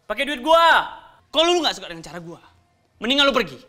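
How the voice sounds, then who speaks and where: A hot-tempered, bullying older brother in a TV soap. His voice is very high for a man and cuttingly bright, and he barks harsh orders. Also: sing-song, fast, a little hiss or hum, full character voice. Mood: angry. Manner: shouting, harsh, bossy. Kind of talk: TV soap acting.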